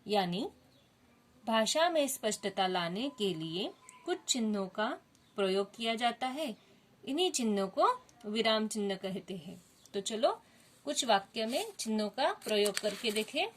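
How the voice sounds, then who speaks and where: A woman's voice: a little high, sing-song, a little slow. A woman teaching a Hindi grammar lesson to children, explaining step by step and asking the class questions.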